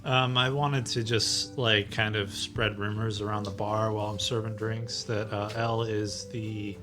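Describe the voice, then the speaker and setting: A man in a tabletop game, halting and unsure, filling his sentences with pauses as he describes his plans. Music plays clearly in the background. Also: on the low side, level tone. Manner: hesitant, with many fillers. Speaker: player. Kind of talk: casual tabletop banter.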